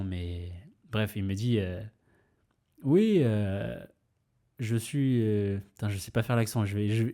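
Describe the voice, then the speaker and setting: A man's voice: mid-range voice, dark tone. A young man hosting a podcast, telling a personal story casually, rambling with fillers, restarts and mild swearing. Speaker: podcast host.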